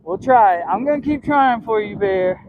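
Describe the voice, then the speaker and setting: The sound is phone quality as this livestream host, high-voiced and animated, talks at a measured pace on a windy trail. He walks with a handheld mic in a wind cover, chatting to viewers and telling off his dog amid the wind noise.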